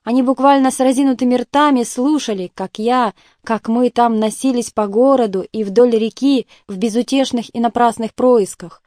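A woman's voice: on the high side, normal speed, hardly any pauses, darkish tone, no echo, clean studio sound, lightly acted. A woman reading an audiobook, voicing a bitter, self-pitying male doctor who groans and breaks into agitated outbursts.

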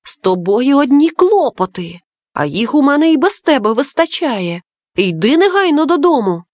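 A woman's voice: sits high, very animated, normal speed, no echo, studio quality. A woman voicing a clever, bossy little boy in a storybook reading, eagerly explaining things to his friend. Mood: annoyed.

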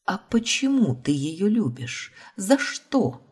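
A woman's voice: low voice, expressive, a little slow, dark tone, husky, exaggerated voice. A woman reading the lines of a desperate, heartbroken young heroine, pleading and tearful. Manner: pleading, tearful, rising to outbursts.

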